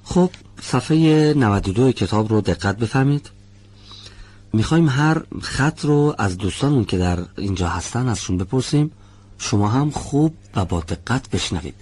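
A man teaching Quran recitation in a classroom lesson, patiently demonstrating sounds and reciting words in a slow, drawn-out chant. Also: medium pitch, lively intonation, darkish tone, slightly rough.

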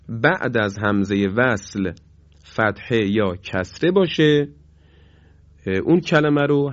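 Male teacher slowly demonstrating Quranic words. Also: medium pitch, dry recording, lo-fi sound. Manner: slow, drawn-out demonstration of Arabic words; polite formal teaching phrases. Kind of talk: televised Quran recitation lesson.

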